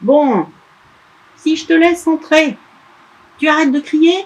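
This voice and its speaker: A woman voicing a cranky old female witch who grumbles and scolds loudly in a storybook reading. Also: sits high, animated, takes it slowly, voice pushed up, poor audio. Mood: grudging.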